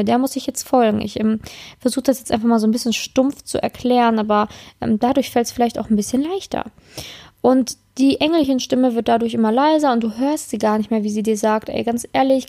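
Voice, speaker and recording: A woman coaches her listener on love in an earnest, motivational talk, addressing them directly and adding a questioning "ne?". Her voice sits fairly high but has a warm, mellow tone. She stresses points bluntly and strings lists together with a repeated "und, und, und". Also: gravelly. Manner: speaks straight to the listener, tags lines with "ne?" and repeats "und, und, und".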